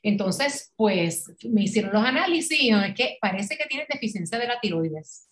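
A woman's voice: medium pitch, expressive, moderate pace. A middle-aged woman with a Puerto Rican Spanish accent, a podcast guest telling her story in casual conversation, acting out quoted dialogue and laughing often.

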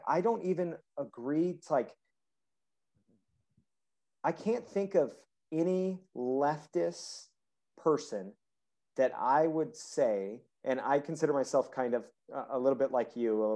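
A man hosting a podcast, chatting casually about politics in a rambling way full of fillers. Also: mid-range voice. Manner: rambling, animated, frequent "like" fillers. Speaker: podcast host.

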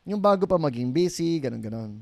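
A man's voice: a little high, brisk, vocal fry, no room sound. A middle-aged Filipino man, a pastor, telling stories in a casual podcast chat, acting out quoted voices and laughing easily. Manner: animated storyteller who acts out quoted voices, laughs easily. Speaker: pastor guest.

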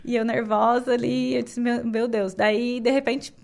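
A young woman from southern Brazil telling her birth story in casual chat, animated and often laughing. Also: fairly high pitch, normal speed, vocal fry.

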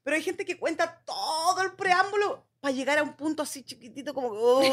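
Fast-talking animated Chilean woman. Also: sits high. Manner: fast, animated, laughs often. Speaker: podcast co-host. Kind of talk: casual chat.

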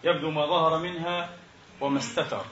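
A man preaching a sermon in formal standard Arabic, with measured, classical diction, in an echoing indoor space. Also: fairly high pitch, fairly even intonation, a bit bright, recorded from a distance. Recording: echoey room, dull lo-fi sound, faint noise.

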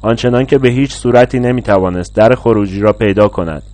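A man narrating a literary short story in a measured, reading style. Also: on the low side, darkish tone, no echo.

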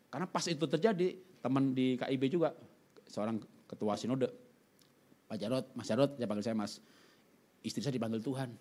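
A middle-aged man preaches, sharing a personal testimony. His voice sits fairly high and moves widely in pitch, jumping from loud outbursts to quiet, pleading tones. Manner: animated storytelling, swinging from loud outbursts to hushed pleading. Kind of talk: sermon testimony.

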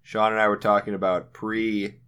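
A young man talks casually with friends on his podcast. His voice sits low but carries a forceful, bright edge, and he rambles along with enthusiasm. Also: little pitch movement, normal speed, clear, resonant tone. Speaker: podcast co-host. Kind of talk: casual chat.

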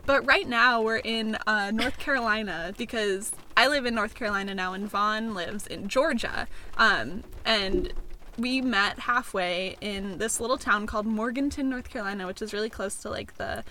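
A woman's voice: mid-range voice, normal speed, bright, forceful tone, slight background noise. A young American woman co-hosting a podcast from inside a car, telling travel stories in a casual, giggly, filler-heavy way. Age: young adult. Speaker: podcast co-host.

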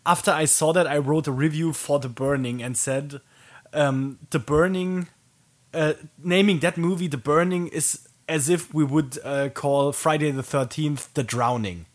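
A man co-hosting a podcast in relaxed casual chat, with a hesitant delivery. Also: a little high, a little slow. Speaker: podcast co-host.

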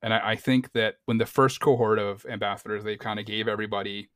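Guy with a lowish voice co-hosting a podcast, dry sound, chill, lots of ums. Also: little pitch movement, quick pace, fairly bright tone, clear, resonant tone, dry recording. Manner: easygoing, reads posts aloud, many ums. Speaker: podcast co-host. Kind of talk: casual chat.

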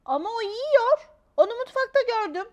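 A woman voicing an excitable little girl who keeps calling out to her parents and pleading to be heard. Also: normal speed, dull audio. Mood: insistent. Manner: shrill, pleading, calls out loudly.

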